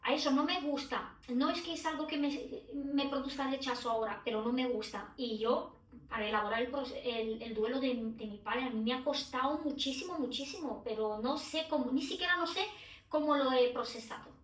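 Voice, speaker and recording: This middle-aged Romanian woman, a guest on a podcast, talks reflectively with many restarts and fillers. Her voice sits high and moves a little fast. The recording has an echoey room and a distant mic.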